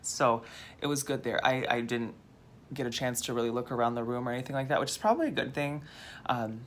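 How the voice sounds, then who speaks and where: A Minnesota man vlogs a rambling, self-deprecating story in a fairly high, slightly hoarse voice with a fairly bright tone. He speaks briskly, and the recording carries a little hiss or hum.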